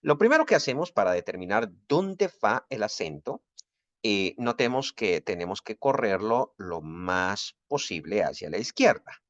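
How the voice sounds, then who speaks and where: A man's voice: lowish voice, very animated, measured pace, fairly bright tone, no room sound, lo-fi sound. A man teaching a recorded Bible Greek lesson, explaining grammar rules patiently and methodically.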